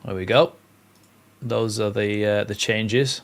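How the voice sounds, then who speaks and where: A young man with a northern English accent calls a live football match on a watchalong stream, his lowish voice steady and slow. He mixes play-by-play with reading out viewer comments and chatting with them.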